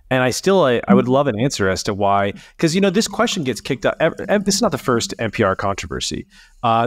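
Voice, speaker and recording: A man co-hosting a podcast, talking in a casual, sarcastic and animated way. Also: no room sound. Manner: animated, sarcastic, rising pitch on emphasis. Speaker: podcast co-host. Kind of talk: casual panel chat.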